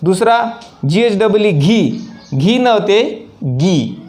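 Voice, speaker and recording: Slow-speaking man teaching English. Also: high voice, lively intonation, a little mellow, faint music behind. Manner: slow, deliberate explaining, spelling out example sentences. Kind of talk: spoken English lesson.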